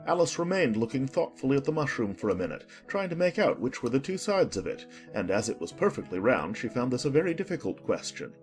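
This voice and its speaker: A man's voice: medium pitch, sing-song, fast talker, few pauses, faint music behind. A man narrating a dramatized children's storybook in a scripted audiobook style.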